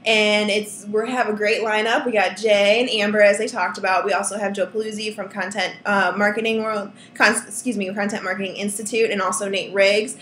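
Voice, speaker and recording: A woman's voice: mid-range voice, little pitch movement, a little fast, hardly any pauses, fairly bright tone. A young woman hosting an interview, friendly and chatty with fillers, over a webcam video call from a room at home. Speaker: interview host. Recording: roomy webcam audio, faint noise.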